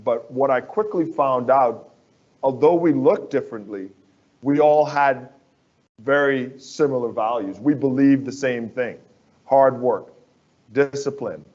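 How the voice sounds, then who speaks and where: A man's voice: mid-range voice, measured pace, a little mellow, dull audio. A man from the Bahamas, a construction firm executive, speaking as an interview guest in an earnest, persuasive way that repeats phrases for emphasis.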